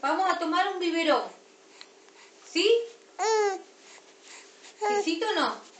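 A mother with an Argentine accent talking to her baby at home, coaxing her sweetly and scolding her gently. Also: very high-pitched, expressive, slow pace. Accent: Argentine Spanish. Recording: roomy, distant, noisy home video.

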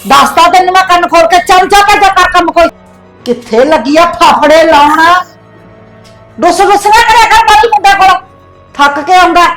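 A woman's voice: moderate pace, natural voice. A woman playing a harsh, cursing mother-in-law in a short drama film, scolding her daughter-in-law and her son. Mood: furious. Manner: shrill, cursing. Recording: echoey room, distant mic, faint music.

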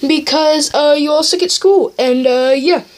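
A woman's voice: high-pitched, measured pace. A female speaker voicing a silly, panicky male teacher in a homemade toy skit. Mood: rambling.

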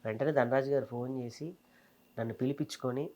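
A man in his thirties tells the story of his career as a comedian and mimicry artist, speaking quickly. His voice sits at an ordinary pitch for a man, and his delivery is lively and conversational. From Telangana, India. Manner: fast, animated storytelling. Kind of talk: casual interview storytelling.

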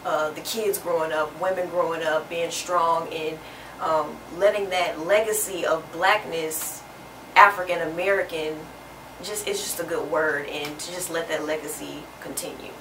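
A woman's voice: low-pitched, fairly even intonation, moderate pace. A young woman, a college student guest on a talk show, speaking earnestly on a studio set. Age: young adult. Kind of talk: interview chat. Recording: roomy distant studio sound with noise.

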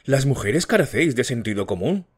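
A curt, irritated husband who cuts his wife short, as the narrator acts him out. Sharp and firm, close to the reader's own voice. An audiobook scene. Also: medium pitch, big pitch swings, a little fast, slightly rough. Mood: scolding. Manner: brusque, scolding.

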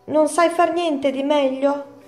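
A woman's voice: a little high, unhurried, gravelly, dark tone, roomy sound, soft background music. A woman doing a cross, scolding old rabbit. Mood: angry. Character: grumpy old male rabbit gardener.

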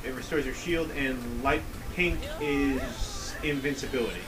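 A man's voice: medium pitch, measured pace. Distant man chipping in on a game. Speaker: game co-commentator. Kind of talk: casual let's play chat. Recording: distant mic over game music.

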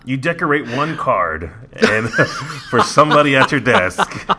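A man's voice: medium pitch, very animated, unhurried, pushed and bright, slight background noise. A man co-hosting a casual podcast, joking around and often laughing. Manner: giggly, joking, breaks into laughter. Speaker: podcast co-host. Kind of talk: casual chat.

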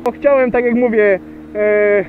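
A motovlogger with a high, unhurried voice and fairly even intonation chats casually to viewers while riding a motorcycle on an outdoor road, full of hesitations and fillers. His tinny lo-fi helmet mic picks up wind and engine noise.

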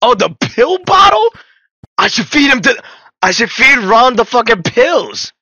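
A man's voice: very high voice, big pitch swings, unhurried, pushed and bright, dry recording. A young man giving casual, joking game commentary in a slangy, profane, playful manner, close on the mic. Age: young adult. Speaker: game streamer. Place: small indoor streaming room.

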